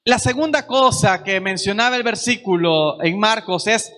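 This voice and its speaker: Male preacher, earnest and repetitive, fairly high and tense voice, at a church service. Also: moderate pace, sharp tone. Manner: earnest, repeats phrases for emphasis. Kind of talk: sermon.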